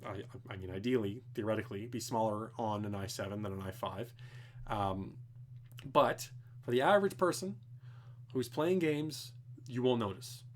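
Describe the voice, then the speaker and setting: At home, a young streamer rambles casually through technical questions from viewers in a live Q&A, swearing now and then. His voice is on the low side at a moderate pace, with slight background noise.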